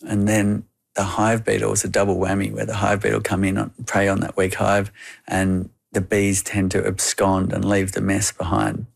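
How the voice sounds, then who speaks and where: A man's voice: fairly low pitch, monotone, normal speed, creaky. An Australian man explaining things as an interview guest, speaking as an experienced beekeeper.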